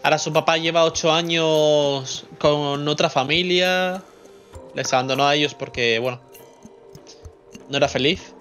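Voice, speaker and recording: A man's voice: fairly high pitch, steady tone, a little slow, pauses often, fairly bright tone. A young man with a Spain Spanish accent, casually commenting on a game he plays, joking, swearing and muttering to himself. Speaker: streamer. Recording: slightly dull lo-fi sound with faint music.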